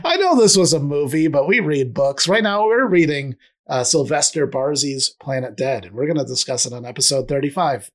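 Animated man rambling on a podcast. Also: on the high side, brisk, few pauses. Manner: rambling, trails off with fillers. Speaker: podcast co-host. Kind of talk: casual chat.

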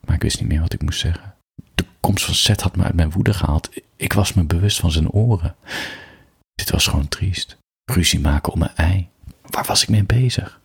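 Young guy reading his own story out, deep and raspy, blunt and slow. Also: no echo, studio quality. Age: young adult. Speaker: narrator. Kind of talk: first-person story reading.

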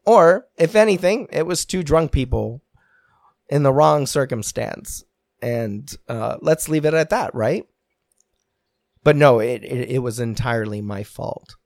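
A man candidly recounting a painful personal story, earnest and reflective, pausing and restarting as he talks. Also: mid-range voice, vocal fry, darkish tone, no room sound, clean studio sound. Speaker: podcast guest telling his story.

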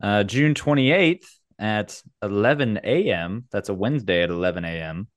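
Male game host, casual and theatrical, very lively intonation, dry sound. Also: lowish voice, dry recording. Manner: playful, theatrical announcing with dramatic pauses. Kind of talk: casual podcast-style game hosting.

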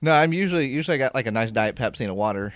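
A young man co-hosts a casual podcast, answering teases with deadpan jokes. His voice is mid-pitched and sounds dry and close. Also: very fast, dry recording. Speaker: podcast co-host. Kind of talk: casual chat.

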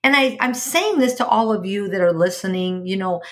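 A woman's voice: mid-range voice, animated, fairly quick. A middle-aged woman hosting a podcast, talking earnestly about her own life and giving advice, often repeating herself and restarting sentences. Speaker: podcast host. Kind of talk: personal advice monologue.

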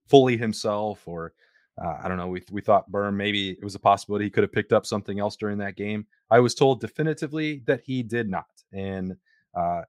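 A man's voice: on the low side, no echo, studio quality. Playful man hosting a sports podcast. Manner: playful, mock-grand announcer flourishes. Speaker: podcast host. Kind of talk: casual sports podcast banter.

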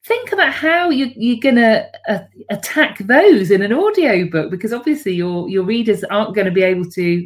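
A woman book coach answering interview questions in a casual, hesitant way, with many pauses and restarts. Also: mid-range voice.

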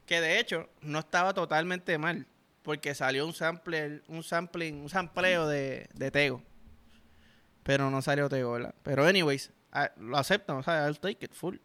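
A young Puerto Rican man with a Puerto Rican accent reacting to music, excitable and emphatic, swearing constantly. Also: a little high, normal speed, smooth. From Puerto Rico. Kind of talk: reaction commentary. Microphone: headphones while listening.

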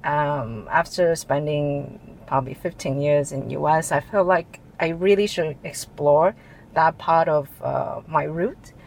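A woman who grew up in Taiwan, a chief information officer, answers interview questions as a guest in a chatty way, laughing often and restarting sentences. Her voice is low-pitched with vocal fry and a measured pace. The audio is poor, with a little hiss or hum.

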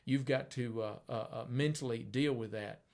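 An older man preaching in an easy conversational way, like a radio host telling a story. His voice sits in a middle pitch, and he stays earnest. He slows right down when he stresses a point. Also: a little mellow.

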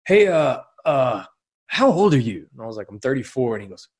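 A man's voice: mid-range voice, sing-song, fairly quick, a little mellow, slightly rough. A middle-aged man, a podcast guest, telling rambling anecdotes with frequent chuckles. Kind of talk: casual storytelling.

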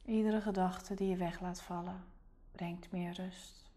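A woman leads a guided relaxation meditation, speaking in a hushed, soothing whisper. Her tone is mellow and warm, with steady, gentle phrasing. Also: on the low side, unhurried. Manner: soft whispering, calm and soothing.

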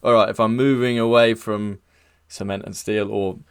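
A man's voice: fairly low pitch, fairly even intonation, moderate pace, clean tone, no room sound, clean studio sound. A man hosting a podcast, asking long, rambling questions in a friendly, chatty way. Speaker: podcast host. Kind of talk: casual podcast interview.

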